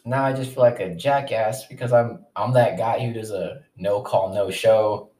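A young man with a lowish voice rambles through a casual solo podcast. He swears easily and keeps drifting into asides. He is eating as he talks, so chewing sounds slip into his words. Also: steady tone, normal speed, warm tone. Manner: talks while chewing breakfast. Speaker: podcast host.

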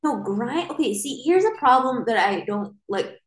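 A woman's voice: on the high side, lively intonation, moderate pace. A woman co-hosting a podcast, chatting casually in an opinionated, slangy, informal way. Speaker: podcast co-host.

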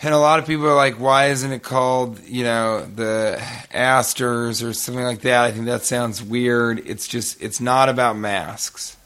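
A man's voice: medium pitch, fairly even intonation, normal speed, few pauses, a bit bright, clear, resonant tone. A man co-hosting a live comedy podcast in front of an audience, riffing crude absurd bits with mock indignation. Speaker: podcast co-host. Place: hotel room with live audience.

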